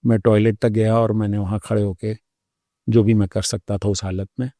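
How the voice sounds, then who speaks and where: A man with a warm, mellow voice tells his own story as an interview guest. He pauses often and sounds reflective. The recording is dry and close, with no room sound. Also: lowish voice, little pitch movement, dry recording. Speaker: doctor.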